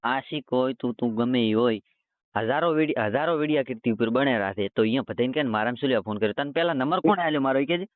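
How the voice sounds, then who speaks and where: A man with a medium-pitched voice talks quickly in a dry recording, arguing heatedly over the phone in a colloquial, stubborn, confrontational way. He's a roast video creator taking a call, and the audio is a tinny phone-line recording.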